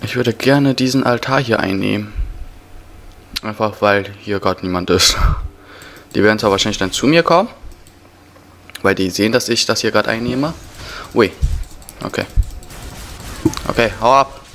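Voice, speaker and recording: Over noisy gameplay audio recorded at home, with keys clacking, a young let's player fighting a cold and cough mutters casual slang commentary. His fairly low, slightly bright voice keeps a normal speed and pauses often.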